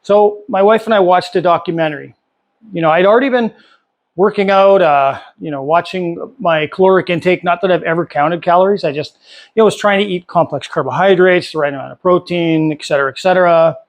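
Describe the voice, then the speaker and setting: A man's voice: sits high, fairly quick. A man in his fifties talking casually and candidly to camera as a vlogger, with many fillers and restarts. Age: 50s. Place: home workshop.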